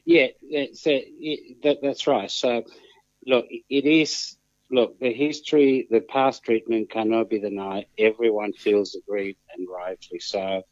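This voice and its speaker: An Australian man speaking as a phone-in guest, measured and formal, with halting, deliberate phrasing. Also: lowish voice, steady tone, darkish tone, no echo. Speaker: phone-in guest on a football show. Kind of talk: measured discussion. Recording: muffled lo-fi phone line, very dry.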